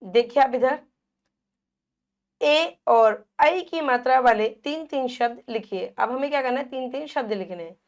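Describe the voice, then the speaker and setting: Woman teacher, high voice, slow deliberate delivery, drills vowel sounds for small children. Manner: asks questions and answers them herself. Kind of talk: children's Hindi phonics lesson.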